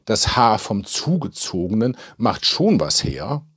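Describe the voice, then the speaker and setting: A man's voice: lowish voice, big pitch swings, measured pace, fairly bright tone, slightly rough, heavily acted. A man doing a bossy village gossip woman. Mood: gossipy. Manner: commanding, gossipy.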